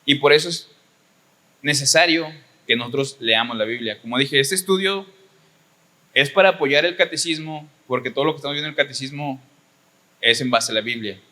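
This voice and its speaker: A young man from Mexico, teaching a church Bible study in a relaxed storytelling way. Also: medium pitch, fairly quick, pauses often. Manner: conversational storytelling with quoted exchanges.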